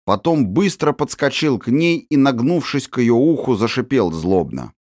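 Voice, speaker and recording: A man reading a story aloud as audiobook narrator, expressive and acting out the tension of the scenes. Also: mid-range voice, normal speed, no echo, studio quality. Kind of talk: scripted narration.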